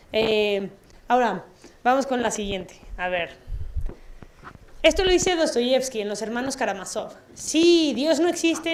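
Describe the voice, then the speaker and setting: A woman lectures in an auditorium, speaking. Her voice sits fairly high. She keeps things lively, putting questions to the room and adding playful asides. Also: a little hiss or hum. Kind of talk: public talk with audience questions.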